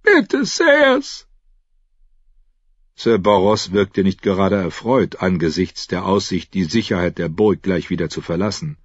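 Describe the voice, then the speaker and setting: A man reading a fantasy novel aloud in a measured storytelling manner. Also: low-pitched, fairly even intonation, darkish tone, no room sound. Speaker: audiobook narrator. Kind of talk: scripted narration. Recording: dull, dry audiobook recording.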